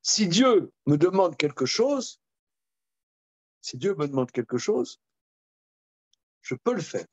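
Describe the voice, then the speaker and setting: A man's voice: a little high, takes it slowly, pauses often, no echo. A man teaching an informal Torah class, repeating himself and acting out everyday examples. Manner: animated, repetitive, with many restarts and role-played examples.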